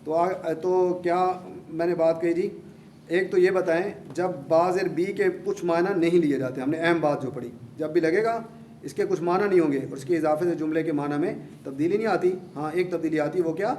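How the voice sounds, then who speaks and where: A man's voice: on the high side, a little mellow. A man teaching grammar to a class, repeating key points patiently and encouraging his students. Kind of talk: classroom lecture. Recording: echoey room, faint background hum.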